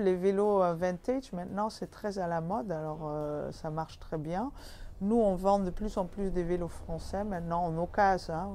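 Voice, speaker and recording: A woman's voice: fairly low pitch, dark tone, a little hiss or hum. A woman in her fifties from the Netherlands with a Dutch accent, answering interview questions about her bike shop with many fillers and restarts.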